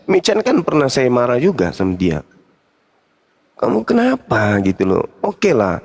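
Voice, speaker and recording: An older man, hosting a casual chat and giving fatherly, lecturing advice with animated stories. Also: medium pitch. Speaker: host.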